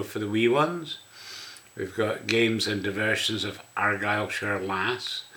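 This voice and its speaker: Casting: older Scottish male host, smoker's rasp, low bright voice, rambling informal walk-through. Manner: rambling, conversational. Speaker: website host. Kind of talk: casual spoken walk-through of a website.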